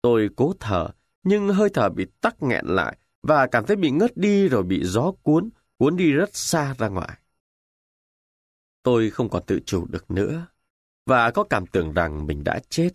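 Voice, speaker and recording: A man's voice: medium pitch, very animated, a little slow, no echo, studio quality. A man reading a novel aloud in the first person with dramatic expression. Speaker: audiobook narrator.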